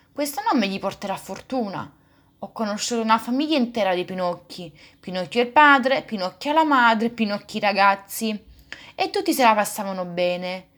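A woman's voice: medium pitch, expressive, moderate pace, a bit bright, close to an everyday voice. A woman voicing a poor, fretful old male woodcarver in a storybook reading, speaking in a grumbling, scolding way. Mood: musing.

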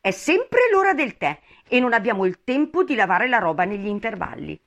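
A woman's voice: fairly high pitch, fairly quick, pitched above the performer's own voice. A woman voicing an eccentric male hatter, scornful and rambling in a storybook reading. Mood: mournful. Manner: animated, indignant, rambling.

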